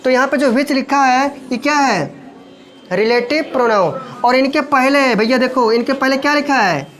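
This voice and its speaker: A man teaching English grammar in with a lilt, who keeps checking the class with quick questions. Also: very high voice, a bit bright, rough recording.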